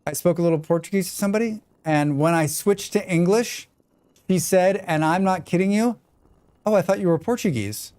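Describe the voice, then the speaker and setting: A man with a plain American accent chats as he streams a game, rambling and replying to viewers. His voice sits high and moves fairly quickly, a little mellow and clean, with no room sound.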